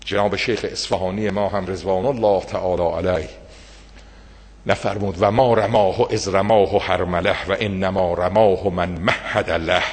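A man preaching a sermon with great passion, swinging between loud outbursts and hushed, low phrases. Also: steady tone, long reverb tail.

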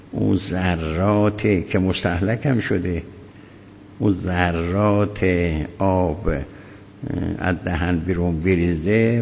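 A man, a cleric, teaching a religious law lesson in a measured, halting way with many pauses and fillers. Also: sits low, vocal fry, a little mellow, a little hiss or hum. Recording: echoey hall, faint ambience.

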